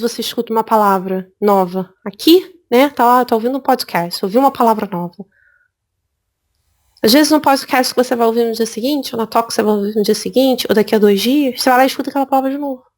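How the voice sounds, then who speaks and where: A woman from Brazil teaching an English exam prep lesson, lively and repeating words for emphasis. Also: a little high. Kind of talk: spoken lesson.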